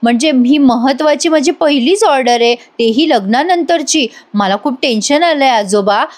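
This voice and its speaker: A woman's voice: high-pitched, expressive, moderate pace. A woman doing an earnest young wife. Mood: insistent. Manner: earnest, insistent. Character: determined young wife, anxious to work.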